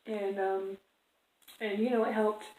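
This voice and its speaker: A woman's voice: mid-range voice, flat delivery, a little slow, darkish tone, slight background noise. A woman telling a personal story casually to camera as a vlogger, in a rambling, conversational way. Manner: rambling, conversational, acts out quoted exchanges. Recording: echoey room.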